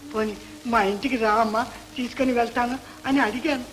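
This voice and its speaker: An actor playing a gentle grieving father who softly coaxes a lost girl and consoles his wife, in vintage film dialogue. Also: very high voice, steady tone, brisk, soft background music, poor audio. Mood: consoling. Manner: soft, coaxing and consoling.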